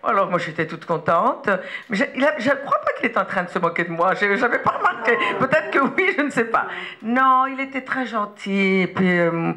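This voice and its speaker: A woman being interviewed, telling set stories in a chatty, easygoing way. She laughs often and pauses on hesitant fillers as she remembers. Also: medium pitch, big pitch swings, bright, forceful tone. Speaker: interview guest, actress. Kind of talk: relaxed anecdotal interview talk.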